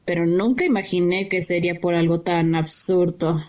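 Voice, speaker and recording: A woman's voice: on the low side, steady tone, normal speed, a little mellow, close to an everyday voice. A woman voicing a cynical, knowing teenage camper who speaks in a dry, sardonic way.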